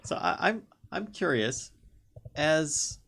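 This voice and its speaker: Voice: medium pitch, very animated, slow, a bit bright. A player chatting at a tabletop game, joking and laughing often. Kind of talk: casual tabletop game chat.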